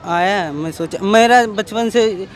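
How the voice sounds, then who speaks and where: A young man with a fairly high voice tells a rambling, animated story in a casual street interview. He acts out the dialogue himself and sometimes breaks into a shout. He is recorded outdoors by a street, with traffic passing behind him. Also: takes it slowly, crowd noise.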